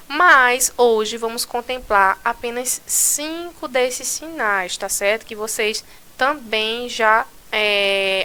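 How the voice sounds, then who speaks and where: A Brazilian woman teacher talks through a recorded lesson, explaining patiently and checking in with her students as she goes. Her voice sits a bit high and sounds crisp and clear. It also has a bright edge. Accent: Brazilian Portuguese. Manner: didactic, explains step by step with frequent "né" and "tá certo". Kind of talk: recorded online school lesson.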